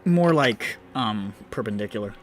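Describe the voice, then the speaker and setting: A man's voice: on the low side, animated, moderate pace, faint music behind. A man chatting casually at a tabletop game.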